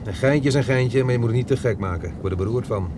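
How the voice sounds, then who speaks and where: A man's voice: medium pitch, fast, noisy background, natural voice. A man dubbing a cocky young chauffeur who lies freely, speaking with breezy, teasing banter. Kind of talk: dubbed film dialogue.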